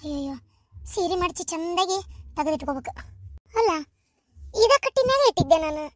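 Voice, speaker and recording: A woman's voice: extremely high pitch, very animated, brisk, dry recording. A woman voicing an anxious, tearful young village wife with a North Karnataka accent who frets and whines. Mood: worried. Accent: North Karnataka Kannada. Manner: whining, worried, tearful.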